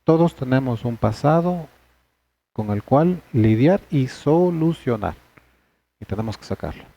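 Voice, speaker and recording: A man's voice: mid-range voice, animated, a little slow, gravelly, mellow, muffled recording. A man leading a church men's study session, talking earnestly and conversationally to the group.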